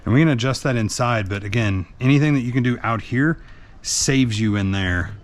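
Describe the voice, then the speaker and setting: At a moderate pace and medium pitch, a man who hosts and drives a truck talks through an installation demonstration. The hands-on tutorial is casual and plainspoken, and he thinks aloud as he works. A faint hiss or hum runs under the recording.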